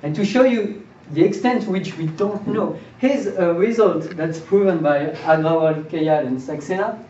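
A man's voice: high-pitched, normal speed, darkish tone. A young man giving a math seminar lecture in a classroom, explaining step by step and often restarting and repeating his words. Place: lecture room with projector screen. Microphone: far camera, no mic. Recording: roomy, distant, dull camera audio with faint hiss.

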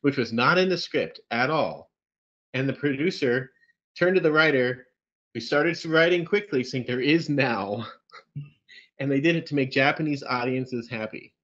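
Man, sarcastic, dry humor, mid pitch, casual review chat, slightly muffled video call. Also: measured pace, a bit bright. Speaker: podcast co-host reviewing films.

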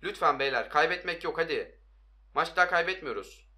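A young man giving excitable, hoarse-voiced commentary on his own mobile football game, talking to his viewers and shouting at his players. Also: on the high side, brisk. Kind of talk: live gameplay commentary.

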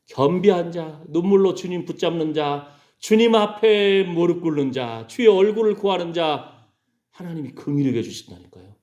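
A middle-aged man preaching a sermon as pastor, animated, acting out quoted voices and often checking in with the congregation. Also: high-pitched.

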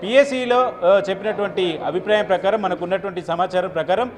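A man in his thirties giving a live news report outdoors into a handheld mic, steady, with filler sounds between phrases. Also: high-pitched, a little fast. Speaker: field reporter. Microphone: handheld channel mic.

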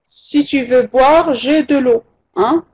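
Woman language teacher, husky voice, unhurried, corrects students, dull online class audio. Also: high voice. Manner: patient, repeats and corrects students' answers. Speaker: French teacher. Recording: muffled lo-fi online class recording.

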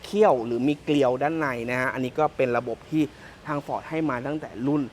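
A man's voice: medium pitch, fairly even intonation, brisk, a little hiss or hum. A man from Thailand giving a casual, joking walkaround of a pickup truck as a car salesman, often repeating himself. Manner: chatty and joking, repeats phrases.

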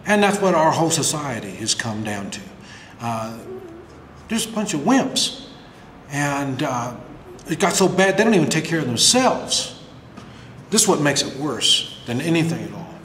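An older man in his sixties delivering a blunt, exasperated, unscripted opinion rant to camera, halting at times and throwing out rhetorical questions. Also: on the high side, big pitch swings, fairly bright tone. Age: older, about 60s. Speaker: vlogger delivering opinion rants. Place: bare-walled room indoors at home. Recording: echoey, reverberant room with faint noise.

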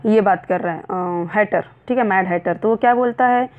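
A woman teacher, reading English lines slowly and then explaining them in Hindi. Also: medium pitch, phone-quality sound.

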